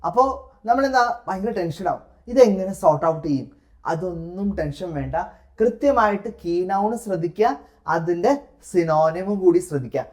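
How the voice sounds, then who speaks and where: A man with a Malayali accent teaching a lesson for an English test, explaining step by step and reading example sentences slowly with stressed key words. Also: high voice, animated, darkish tone. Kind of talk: classroom-style lesson.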